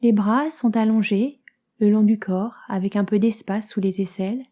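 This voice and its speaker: A yoga nidra teacher with a mid-range voice guides a relaxation session. She is calm and soothing, speaking in soft phrases that grow breathy at the ends, with many pauses.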